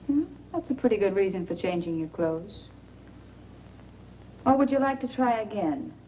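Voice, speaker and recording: An actress in a 1940s film noir role plays a shrewd, world-weary woman with a weakness for bad men, sounding cool, knowing and sardonic. Her mid-range voice is animated and lightly acted at a normal pace. The old soundtrack is dull and noisy.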